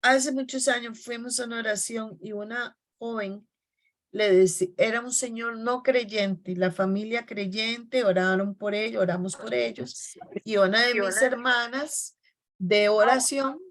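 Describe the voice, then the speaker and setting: A woman preacher giving a sermon, telling personal stories in a soft storytelling manner and slowing down on key phrases. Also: fairly high pitch, steady tone.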